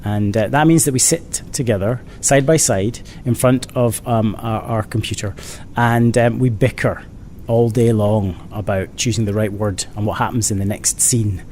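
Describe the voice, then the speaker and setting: A man being interviewed as a children's author answers casually with a dry, playful humour. His voice is steady and darkish at a moderate pace, recorded with clear background noise and a low rumble.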